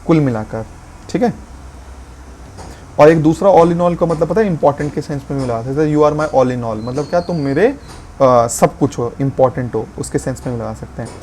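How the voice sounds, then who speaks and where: A man explaining English vocabulary in a lesson, slowing down to spell out and stress key words. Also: on the high side, warm tone, a little hiss or hum.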